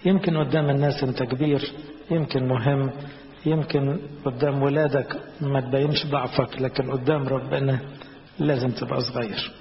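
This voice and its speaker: A man's voice: medium pitch, fairly even intonation, fairly quick. A man with an Egyptian Arabic accent delivers a sermon, explaining scripture in a plain, teaching tone. His voice carries a long echo through a large hall. The recording sounds slightly dull, with faint noise behind it. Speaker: preacher.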